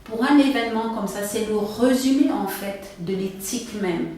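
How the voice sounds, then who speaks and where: A woman from Cameroon, an event organizer, answering interview questions in a measured, explanatory way. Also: on the high side, warm tone. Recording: echoey room, far from mic, faint noise.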